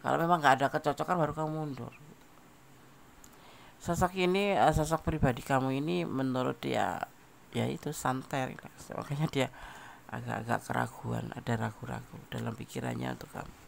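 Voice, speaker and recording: A man's voice: medium pitch, normal speed, vocal fry, slight background noise. A man giving a casual tarot general reading, talking straight to the listener and repeating phrases. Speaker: tarot reader.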